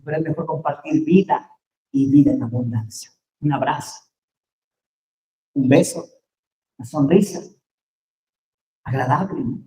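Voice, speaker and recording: A male pastor with a Mexican accent delivers an impassioned sermon, his high voice rising from hushed asides to loud calls. The sound carries the echo of a church room. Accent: Mexican Spanish. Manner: impassioned preaching, swings from quiet to loud exhortation. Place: church hall.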